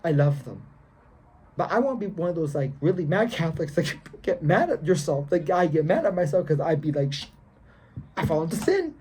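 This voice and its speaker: Young male vlogger, mellow husky voice, preachy and repetitive, casual slang. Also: on the high side, very animated, a little fast. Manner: emphatic and preachy, repeats himself, slangy. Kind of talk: casual faith vlog monologue.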